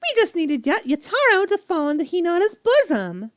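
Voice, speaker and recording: A visual-novel streamer, she offers teasing, sassy, theatrical game commentary and reads lines of dialogue aloud. Her extremely high voice is very animated at a normal speed, captured as clean studio sound with no echo.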